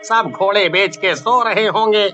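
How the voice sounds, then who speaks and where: In a dramatized Hindi animated horror story, a man acts as a worried, puzzled husband, asking anxious questions and exclaiming. His high, sharply bright voice comes slowly, over light background music in lo-fi sound.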